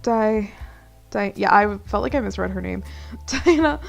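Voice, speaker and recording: A young woman plays through a visual novel, reading the lines aloud and breaking into playful, swearing asides. Her voice has a gravelly fry at a middling pitch, with faint game music underneath. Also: animated, measured pace. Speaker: let's play host.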